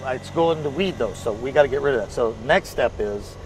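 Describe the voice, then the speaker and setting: A man's voice: mid-range voice, expressive, fairly quick. A man hosting a casual gardening vlog outdoors, chatty and rambling with lots of fillers and restarts. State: out of breath. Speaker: gardening video host. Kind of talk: casual vlog talk to camera. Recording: distant outdoor mic with faint ambient noise.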